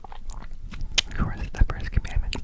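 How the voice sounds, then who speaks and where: Male ASMR host, whispered delivery up close, lots of repeated phrases, wet gum-chewing mouth sounds. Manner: whispers throughout; slow, repeats words and phrases. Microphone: close mic, ear to ear.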